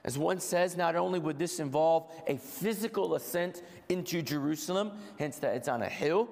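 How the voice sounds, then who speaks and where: A man with a fairly high-pitched, gravelly voice and a head cold gives a sermon to his congregation. He's deliberate and measured, echoing key phrases for emphasis, and the hall around him rings with long reverb.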